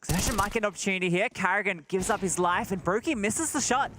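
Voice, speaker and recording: A male esports caster with a notably high voice gives play-by-play commentary. His calls come in short, clipped phrases over clearly audible game noise and clicks. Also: fast talker. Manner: clipped present-tense running phrases.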